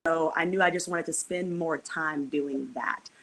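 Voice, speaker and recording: Low-voiced woman on a panel, earnest advice. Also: steady tone, unhurried, fairly bright tone, slight background noise, low-quality recording. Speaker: panel guest. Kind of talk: casual panel talk.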